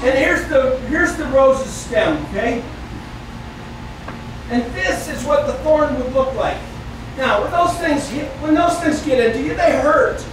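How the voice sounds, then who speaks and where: A middle-aged man from the northeastern United States leads a kids' Sunday school lesson, telling the story slowly and asking the children questions. He is picked up by a camera across a very echoey church classroom. A clear background hiss sits under his voice. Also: very high-pitched, expressive. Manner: storytelling, asks the children questions, gestures and moves around. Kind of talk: Bible lesson for kids. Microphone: far camera. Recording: echoey room from far off with noisy background.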